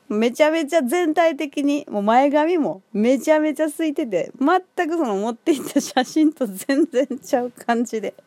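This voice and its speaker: Lively chatty Kansai woman. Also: mid-range voice, no room sound. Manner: chatty, laughs often, many fillers. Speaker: solo podcast host. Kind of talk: casual solo monologue.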